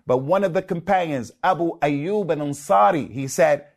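A man delivers a religious lecture, his voice sitting fairly high for a man. He speaks emphatically and stacks repeated words for stress. He weaves Arabic phrases into his English. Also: normal speed, creaky. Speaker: Islamic preacher.

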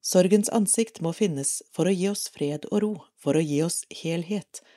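Low, mellow-voiced Norwegian woman reading. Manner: calm, measured, even reading. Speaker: reader of an audio parish magazine. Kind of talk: scripted reading of a devotional article.

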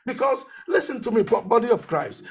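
Pastor guy preaching his testimony, pretty high voice, says things twice or three times. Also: big pitch swings, a little fast. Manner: preaching with testimony, repeating phrases for emphasis. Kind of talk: sermon.

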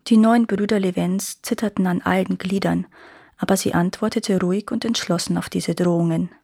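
A woman storyteller reading a fairy tale aloud in calm, even narration. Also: fairly low pitch, moderate pace, gravelly, breathy edge, no echo, clean studio sound.

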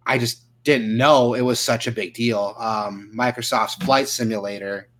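A man's voice: mid-range voice, steady tone, measured pace, fairly bright tone. A man co-hosting a casual gaming podcast, talking through game trailers with loose, swearing chatter and lots of fillers. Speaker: podcast co-host. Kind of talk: casual gaming news chat.

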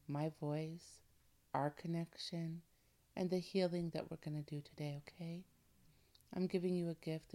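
A woman hosting guided breathing in a soothing, intimate coaching manner, her soft voice often dropping toward a breathy near-whisper. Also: sits low. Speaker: host of a wellness show. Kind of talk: guided breathing and relaxation talk.

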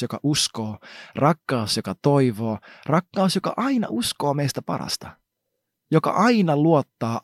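A man giving a casual, conversational devotional talk, slangy and animated, acting out little asides as he retells stories. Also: medium pitch, no echo, studio quality. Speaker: preacher.

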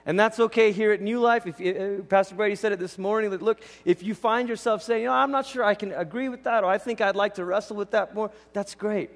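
A Malaysian man preaches as a pastor in a large indoor church hall, his voice high-pitched and a little fast with hardly any pauses. His teaching style is conversational and informal, often slipping into quoted asides. The recording carries the hall's reverberant sound.

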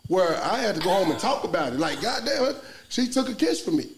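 A man's voice: high voice, quick pace, a loud crowd. A man, chatting casually in a group talk and telling a story animatedly while acting out what people said. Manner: animated storyteller, acts out quotes. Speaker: podcast co-host.

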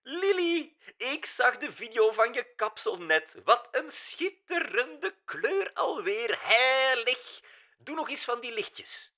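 A man voicing a flamboyant elderly female diva with a shrill, pointed German accent. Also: big pitch swings, takes it slowly, bright, forceful tone, heavily acted. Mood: gushing.

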